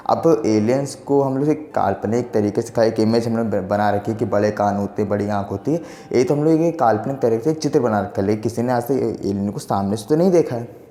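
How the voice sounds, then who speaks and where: Talking to camera, a twenty-something man who hosts a science explainer channel rambles casually through a concept, filling in with checks for agreement. His voice is lowish, dark, and a little fast, sounding echoey in a big room.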